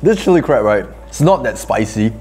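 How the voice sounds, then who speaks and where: A man's voice: mid-range voice, sing-song, moderate pace, a little mellow, husky, soft background music. A young man, chatting enthusiastically as a food vlogger while chewing with his mouth full. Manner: chatty, enthusiastic, frequent "okay". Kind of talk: casual mukbang vlog.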